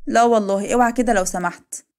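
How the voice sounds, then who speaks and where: Brief: woman playing a defiant young Egyptian woman, quick, sharp. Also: mid-range voice, lightly acted.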